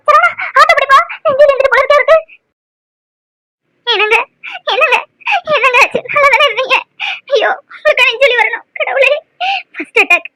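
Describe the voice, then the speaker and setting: Woman playing a dramatic sharp-tongued mother. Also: very high-pitched, dry recording. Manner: scolding, wailing lament. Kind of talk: cartoon voice acting.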